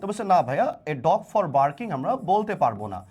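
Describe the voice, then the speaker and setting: Male online tutor, high and animated, playful and coaxing with students. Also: moderate pace, breathy edge, muffled recording. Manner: playful, coaxing teacher calling students "children" and by name. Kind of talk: live online class lecture.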